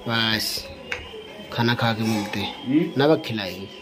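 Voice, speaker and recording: A man's voice: fairly low pitch, takes it slowly, crowd noise. A man casually chatting to his viewers while filming his family's day at home. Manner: relaxed, chatty, addresses viewers as guys. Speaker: vlogger. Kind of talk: casual home vlog chat to camera. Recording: noisy home phone recording.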